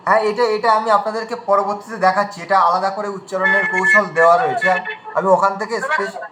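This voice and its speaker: A man's voice: sits high, fairly even intonation, fast, roomy sound, heavy background noise. A man teaching pronunciation in an online class, patiently demonstrating sounds one at a time.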